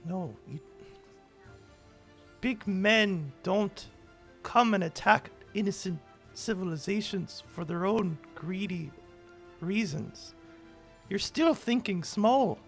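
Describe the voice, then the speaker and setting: A man playing an earnest, reproachful hero confronting his cousin in a tabletop game, speaking haltingly. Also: high-pitched, expressive, gravelly, fairly bright tone, soft background music, exaggerated voice. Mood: scornful.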